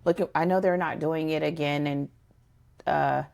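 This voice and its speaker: Podcast co-host, woman, low voice with gravel, emphatic and direct with listeners. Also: steady tone, a little slow, darkish tone. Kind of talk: casual conversational podcast.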